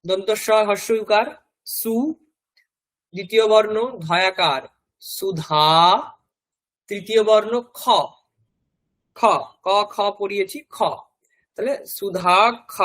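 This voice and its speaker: A man with a West Bengal Bengali accent teaches a Sanskrit class, spelling each word letter by letter and repeating it several times. His voice sits high and is a bit bright, on a low-quality recording of this classroom language lesson.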